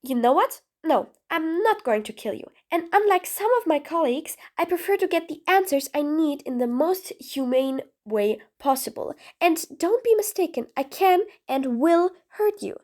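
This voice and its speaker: A woman's voice: high voice, animated, moderate pace, hardly any pauses, a little mellow. A woman voicing a sarcastic, exasperated female supervillain in an audio role-play drama, taunting her prisoner with bossy nicknames. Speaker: voice actress.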